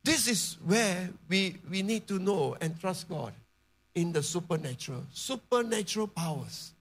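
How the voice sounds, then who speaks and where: A male preacher addresses his congregation at a church service with an expressive, unhurried voice that sits high. His charismatic sermon swells into emphatic shouting and drops back into conversational asides.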